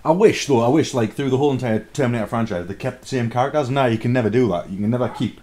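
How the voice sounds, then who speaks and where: A man with an average-pitched voice talks through a film review in a casual, crude way. He is blunt and swears freely as a co-host in loose conversation. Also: racing, warm tone. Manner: talking while drinking beer and eating pizza.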